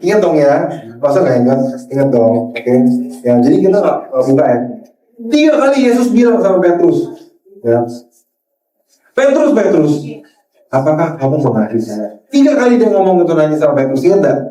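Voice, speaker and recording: Animated male preacher in an echoey hall. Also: brisk. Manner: mixes English phrases into Indonesian, addresses the crowd as saudara; acts out quoted dialogue with sudden pitch jumps. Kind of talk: sermon. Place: church hall. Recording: echoey church hall from far off.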